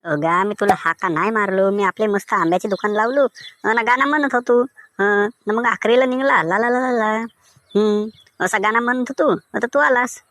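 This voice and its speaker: A man's voice: high voice, moderate pace, a bit bright, no room sound. A man voicing a defensive, grumbling village mango seller with a Vidarbha Marathi accent. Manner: sing-song, defensive, grumbling. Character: cheerful singing village mango seller Diwakar.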